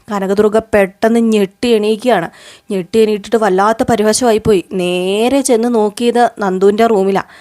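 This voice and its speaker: A woman's voice: mid-range voice, darkish tone. A woman who hosts a recap channel, retelling an episode of a TV serial in a chatty way and talking straight to her viewers. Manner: storyteller, talks straight to viewers with asides.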